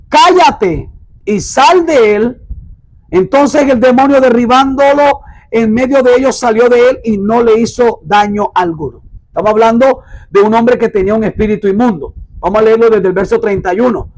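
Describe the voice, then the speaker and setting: High-voiced emphatic man preaching a sermon. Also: a little mellow, rough recording. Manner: emphatic, repeats phrases, slows down to stress words; urges listeners to mark their Bibles. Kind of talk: sermon with Bible reading.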